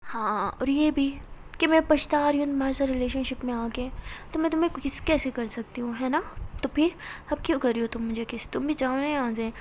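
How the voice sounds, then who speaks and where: A woman's voice: high voice, a little fast, slight background noise, natural voice. A woman voicing an exasperated, guarded older woman in a love story, scolding and placating by turns.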